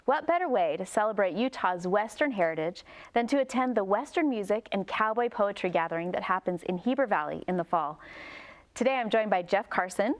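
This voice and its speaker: American lady hosting a local tv interview, medium pitch, presenter style. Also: animated, fairly quick. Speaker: TV host, interviewer.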